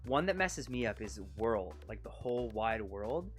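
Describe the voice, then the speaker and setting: A Canadian-accented man with a lowish, expressive voice chats casually during a live game stream, rambling and talking quickly, self-conscious about his pronunciation. He sits leaning back in a chair at his desk, close to a desk mic, with soft music playing in the background.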